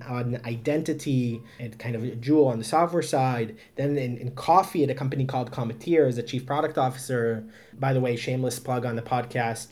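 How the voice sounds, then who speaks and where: A man's voice: mid-range voice, darkish tone. Upbeat man talking casually. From Israel. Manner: upbeat, chatty, self-deprecating, frequent fillers. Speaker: startup founder and guest. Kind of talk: casual interview answers.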